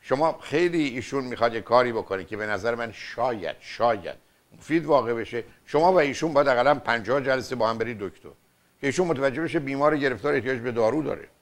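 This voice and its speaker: A man's voice: medium pitch, lively intonation. An older man hosting a call-in advice show as a family therapist, lecturing insistently with rhetorical questions. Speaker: radio and TV family therapist host.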